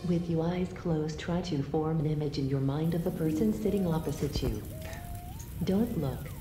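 Low-voiced woman giving eerie instructions. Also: moderate pace. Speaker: performer guiding the audience. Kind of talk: calm scripted instructions. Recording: echoey recording with music behind.

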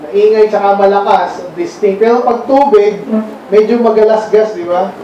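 A man from the Philippines preaches in a relaxed sermon style, his voice high but mellow in tone. He keeps turning to his listeners with questions. He is recorded from across a very reverberant church hall. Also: normal speed, lo-fi sound, slight background noise. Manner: quizzes the congregation with frequent questions. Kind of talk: conversational sermon. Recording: very echoey hall, mic far off.

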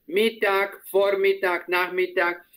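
A man teaching a German lesson online, explaining patiently and repeating words slowly. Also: high voice, flat delivery, a bit bright.

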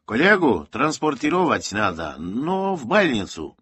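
A man voicing a suspicious Soviet officer in an audiobook, who speaks slowly and deliberately. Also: mid-range voice, wildly swooping pitch, fairly bright tone, slightly rough, voice pushed up, exaggerated voice. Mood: cold. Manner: slow, deliberate speech.

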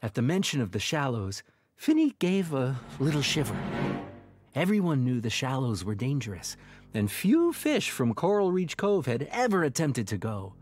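A man narrating a children's audio story in a lively, expressive manner. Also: mid-range voice, moderate pace, soft background music.

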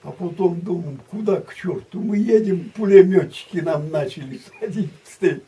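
Rambling old grandpa storyteller, very mellow, distant. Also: male voice, high voice. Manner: rambling, halting, repetitive, colloquial. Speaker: war veteran recounting memories. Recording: distant mic, muffled, background noise.

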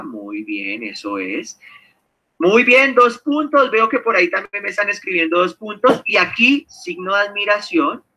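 Lively, bright-voiced man teaching. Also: sits high. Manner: lively, animated, engages the audience with questions. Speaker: seminar leader. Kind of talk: online seminar teaching.

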